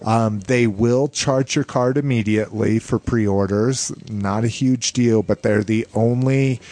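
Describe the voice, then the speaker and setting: A man's voice: medium pitch, steady tone, unhurried, darkish tone, no echo. A man hosting a casual, informal chat show, talking loosely and with some swearing. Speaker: podcast host. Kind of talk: casual toy news chat.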